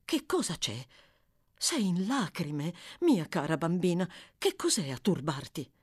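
A woman's voice: on the low side, sing-song, unhurried, breathy edge, no room sound, studio quality, heavily acted. A woman voicing an older aunt in a storybook reading, speaking tenderly and with worry. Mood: worried. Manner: warm, worried, soothing.

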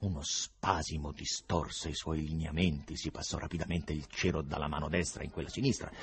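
A man reading a novel aloud as an audiobook, with a husky voice and expressive delivery. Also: very deep voice, fairly quick. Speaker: reader. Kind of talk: audiobook narration.

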